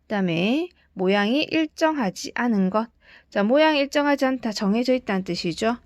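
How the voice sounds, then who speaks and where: A woman's voice: a little high, expressive, brisk, no echo, clean studio sound. A woman teaching an English grammar lesson, explaining patiently step by step and checking in with rhetorical questions. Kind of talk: recorded lesson lecture.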